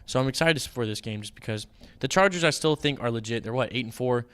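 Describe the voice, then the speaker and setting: A man hosting a casual fantasy football stream, chatty and animated, rambling with playful asides. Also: medium pitch, fast talker, clean tone. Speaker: fantasy football show host. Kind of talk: casual livestream commentary.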